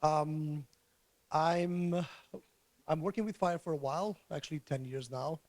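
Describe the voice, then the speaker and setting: A man gives a conference talk to a room of listeners. His voice is hoarse and sits fairly high, and he often stalls and repeats words. The sound is close and dry. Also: a little mellow, no echo. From Portugal. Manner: halting, repeats words as he restarts. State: hoarse, recovering from illness. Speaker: conference speaker. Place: conference room before an audience.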